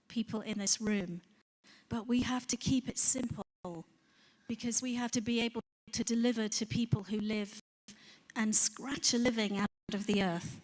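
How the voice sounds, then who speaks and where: A woman from Ethiopia giving a closing speech at a conference. She is direct, plain-spoken and rallying. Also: fairly high pitch. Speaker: conference speaker.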